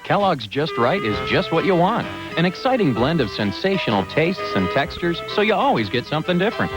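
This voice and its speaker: A man's voice: on the high side, very animated, fairly quick, rough recording. A man doing chipper, upbeat announcing for a food commercial. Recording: music behind the voice.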